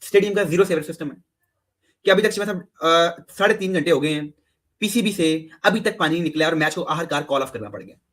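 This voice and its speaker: A man's voice: a little high, expressive, quick pace, fairly bright tone. A man with a Pakistani Urdu accent giving sarcastic, mocking cricket commentary. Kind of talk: opinion commentary.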